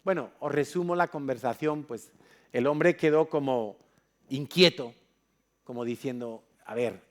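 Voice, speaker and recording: A man's voice: medium pitch, a little slow. A man from Spain preaching in church, telling a story with acted-out dialogue. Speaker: pastor. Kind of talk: sermon.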